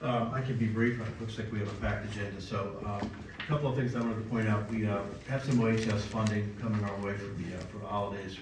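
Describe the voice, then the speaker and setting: A man giving a police chief's report at a city council meeting, measured and full of filler pauses. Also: on the low side, steady tone. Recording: echoey council chamber, distant mic, background noise.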